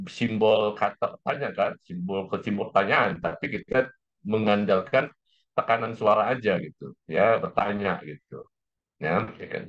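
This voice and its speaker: Man giving a repetitive lecture. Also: on the low side. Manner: explains step by step, often repeats key phrases. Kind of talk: classroom lecture. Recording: slightly dull lo-fi recording.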